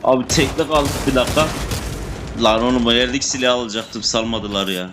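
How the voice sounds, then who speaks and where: Excitable young man over game gunfire. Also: mid-range voice, brisk, background noise. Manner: excitable, swears, talks to teammates and enemies. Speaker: gamer playing a shooter. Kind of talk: casual gameplay commentary. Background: gunfire and game sound effects.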